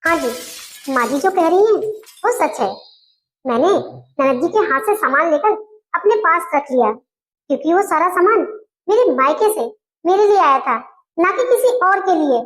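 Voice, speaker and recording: A woman doing a young wife who won't back down. Her voice sits very high and rings out firm and indignant as she scolds her in-laws. She delivers it like a family comedy skit. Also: expressive, unhurried, long pauses. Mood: defiant.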